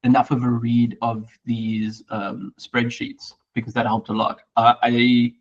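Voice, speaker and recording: A man's voice: mid-range voice, monotone, unhurried, recorded from a distance, muffled recording. A man with a South African accent, a student talking through a Q&A session in a hesitant, candid way, thinking aloud. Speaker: student asking questions. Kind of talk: casual Q&A discussion.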